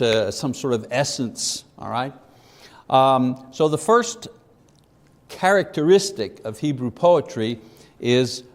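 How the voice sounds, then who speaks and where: A man giving an informal Bible lesson, unhurried, often checking with listeners and filling pauses with "uh". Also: fairly high pitch, a little mellow. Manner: unhurried, asks listeners "okay?", fills gaps with "uh". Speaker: Bible teacher. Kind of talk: informal classroom lecture. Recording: long hall reverb.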